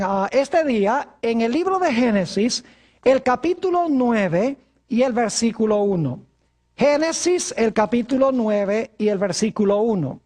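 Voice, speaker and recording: A woman preacher leading a televised Bible study in a formal, measured manner, slowing down to stress scripture verses. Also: fairly high pitch, a little mellow.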